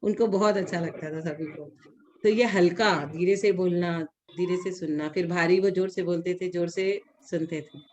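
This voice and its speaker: A woman's voice: on the low side, steady tone, moderate pace, darkish tone. A woman explaining a religious text to a small group, using everyday examples and asking her listeners questions. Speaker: religious teacher. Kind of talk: explaining a scripture lesson.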